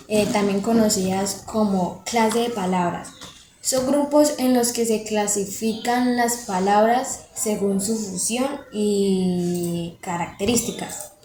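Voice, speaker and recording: A young woman reading a class presentation, listing examples in a slow, measured way with hesitant fillers. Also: medium pitch, darkish tone. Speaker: student presenter. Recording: echoey room, faint background noise.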